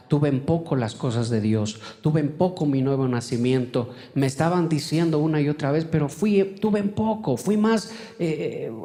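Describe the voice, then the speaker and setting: Male pastor, fervent sermon delivery, leaps high for emphasis, sinks low and slow for solemn lines; reverberant church. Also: a little mellow. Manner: fervent preaching, often calling listeners "hermano"; rises sharply in pitch for emphasis, drops low and slow for solemn points. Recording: long reverb of a church hall.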